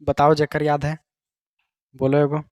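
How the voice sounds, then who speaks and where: Bihari accent guy teaching a class, kinda high voice, dry close sound, keeps asking the kids questions. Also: monotone, a little slow, darkish tone, dry recording. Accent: Bihari Hindi. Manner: casual, quizzes students with rhetorical questions. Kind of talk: classroom lecture. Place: classroom with students.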